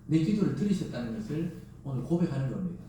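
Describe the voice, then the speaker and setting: Middle-aged pastor preaching, big swings up and down, mellow voice, echoey church from far off. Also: male voice, medium pitch, big pitch swings, quick pace, slight background noise. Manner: emphatic, rises and drops sharply for stress; asks the congregation rhetorical questions. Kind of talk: Sunday sermon. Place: church sanctuary. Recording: echoey church sound from a distant mic.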